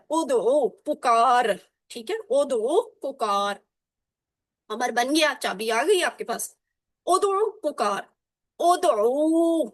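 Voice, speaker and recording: Woman teacher, high voice, patient explaining, repetitive drilling, dry close sound. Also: a bit bright, no room sound. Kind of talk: online class lesson.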